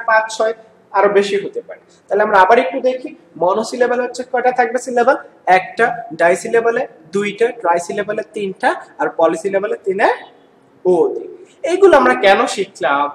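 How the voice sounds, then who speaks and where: A man's voice: high voice, a little hiss or hum, low-quality recording. A patient male schoolteacher with a Bangladeshi Bengali accent walks a class through grammar. He stretches out example words syllable by syllable and checks understanding with questions. A faint room ambience sits behind his voice. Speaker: school English teacher.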